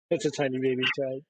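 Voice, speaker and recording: A man's voice: a little high, bright, forceful tone, slightly rough, rough recording. A man live-streaming a game, teasing and mocking another player while laughing often. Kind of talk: live-streamed gaming chat.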